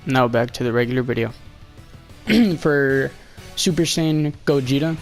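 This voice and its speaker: A young man gives a casual voice-over while playing a game, talking a little slowly in a medium-pitched voice as soft music plays. Being slightly sick, his voice is giving out, and his commentary is rambling, hesitant and full of fillers.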